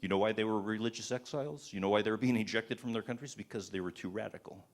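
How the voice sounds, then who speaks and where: Fervent low-voiced man preaching. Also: fast. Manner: fervent, rhetorical questions, many restarts. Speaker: speaker at a church event. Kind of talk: impassioned sermon-style presentation. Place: live talk before an audience.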